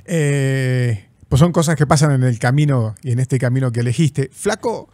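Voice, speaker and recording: A man's voice: mid-range voice, moderate pace, darkish tone, no echo. Male podcast host asking short questions. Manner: short affirming interjections and prompting questions. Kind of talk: interviewing a guest.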